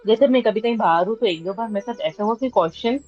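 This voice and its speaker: A woman's voice: a little high, fast, darkish tone, muffled recording, faint music behind. A woman tarot student telling her teacher, in a plain matter-of-fact way, how she does readings. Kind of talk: casual question to teacher.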